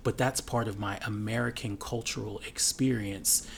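A man's voice: lowish voice, steady tone, moderate pace, vocal fry, slight background noise. A man speaking earnestly in a casual conversation and building up to his points.

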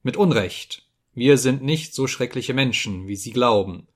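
Man reading a smug officer, lisping, drawn-out, condescending. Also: medium pitch, close to an everyday voice. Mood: patronizing. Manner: lisping, hissing, drawn-out words.

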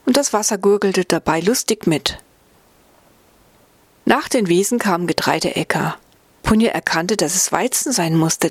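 A woman narrating a fairy-tale audiobook in a gentle storytelling way, lifting her voice slightly for the characters. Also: slightly rough, no echo. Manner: gentle storytelling, voicing characters with small pitch shifts.

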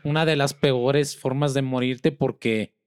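A man's voice: medium pitch, fairly even intonation, measured pace, a little mellow, smooth. A man joining a casual podcast chat with short, slangy remarks. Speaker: podcast co-host.

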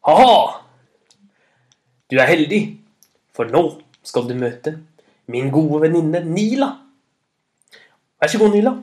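A big, boastful thunder god bellows with a hearty, laughing cheer in this children's storybook reading. His voice rides high and loud, full of confidence and warmth toward his friend, as a male narrator puts him on. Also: expressive, close to an everyday voice.

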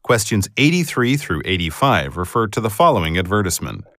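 A man reading scripted exam questions as a test narrator, formal and clearly enunciated. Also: on the low side, big pitch swings, a little fast, bright, forceful tone, no room sound, clean studio sound.

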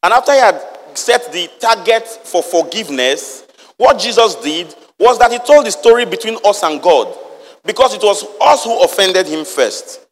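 Emphatic preacher in an echoey hall. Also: male voice, sits high, very animated, moderate pace. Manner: emphatic, rhetorical questions to the congregation. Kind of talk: lively sermon with Bible reading.

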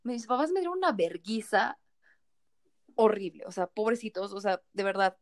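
A woman's voice: medium pitch, moderate pace, no room sound, clean studio sound. A woman in her thirties with a Mexican accent, a tipsy podcast co-host telling frank stories with playful quoted voices. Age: 30s. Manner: animated, frank storytelling with playful put-on quotes. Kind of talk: casual chat.

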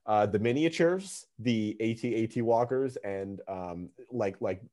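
A man co-hosting a casual movie podcast, enthusiastic and quick to laugh. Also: fairly low pitch. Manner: enthusiastic, animated, laughs often. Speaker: podcast co-host.

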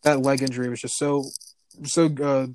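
A man's voice: medium pitch, level tone, moderate pace, darkish tone, a little hiss or hum. Rambling male sports podcast guest. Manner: rambling, hesitant, repeats words. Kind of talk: casual sports podcast chat.

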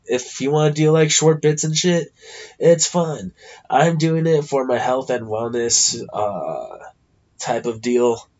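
An American podcast host from California, his nose congested and stuffy, rambles alone in a casual, blunt, sweary style. His medium-pitched voice is slow and a little mellow, and the recording is muffled.

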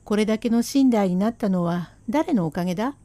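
A woman voicing a sharp-tongued, hardworking Edo wife who scolds her husband sarcastically and relentlessly, in rakugo storytelling. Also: mid-range voice, lively intonation, fairly quick, no echo, close to an everyday voice. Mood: scolding.

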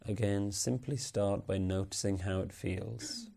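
A man guiding a body relaxation meditation with slow, soothing, unhurried instructions. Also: lowish voice, creaky, noisy background. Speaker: meditation guide. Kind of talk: guided relaxation script.

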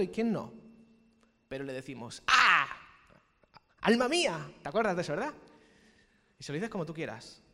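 A man from Spain preaching a sermon as pastor, animated and playful, with shouted peaks. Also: a little high, in a large hall. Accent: Spanish from Spain.

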